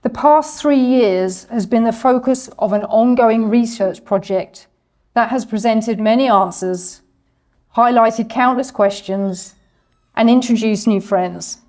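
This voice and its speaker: Speaking slowly in a fairly high, slightly mellow voice, a woman reads a history presentation from a script to an audience. She stumbles a bit over the French names and apologizes for how she pronounces them.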